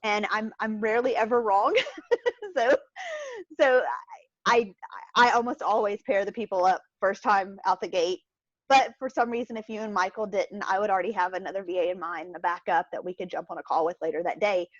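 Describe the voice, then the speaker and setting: A woman explaining her service on a video call in a brisk, confident, step-by-step way. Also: mid-range voice, steady tone, dry recording, lo-fi sound. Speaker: guest, virtual assistant agency owner.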